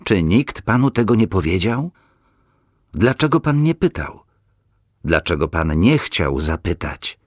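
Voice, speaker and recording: A man's voice: sits low, sing-song, measured pace, no echo, clean studio sound, voice pushed up, full character voice. A man voicing a friendly, concerned male fellow traveler who asks earnest questions. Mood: astonished. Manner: earnest, questioning, rising to surprised exclamations.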